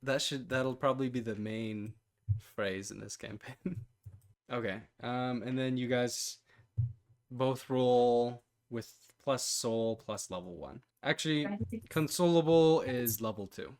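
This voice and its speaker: Slow-talking game master, laughing often. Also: male voice, medium pitch. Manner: laughs often, hesitant with fillers. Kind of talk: running a tabletop game.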